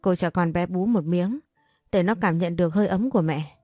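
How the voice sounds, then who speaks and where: A woman voicing a timid, kind young maid who speaks politely and gently in an audio story. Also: on the low side, fairly quick, no echo, clean studio sound, soft background music, close to an everyday voice. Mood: gentle.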